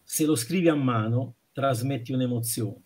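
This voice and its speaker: A man speaks earnestly and haltingly in a casual chat, with many fillers. His voice is husky and mid-pitched. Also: darkish tone. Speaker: calligraphy association member.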